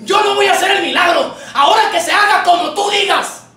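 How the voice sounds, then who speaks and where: A male preacher voicing Jesus as an astonished, commanding teacher who proclaims loudly, recorded from far off in an echoey church. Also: very high-pitched, slow, a little hiss or hum, full character voice. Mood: proclaiming.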